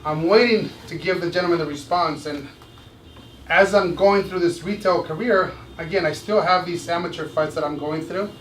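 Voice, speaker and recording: High-voiced man telling stories in an echoey room. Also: normal speed. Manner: animated, laughing often, repeats phrases. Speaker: motivational speaker and former boxer. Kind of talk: storytelling talk to a small group. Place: indoor room with a live audience. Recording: echoey room, distant mic, background noise.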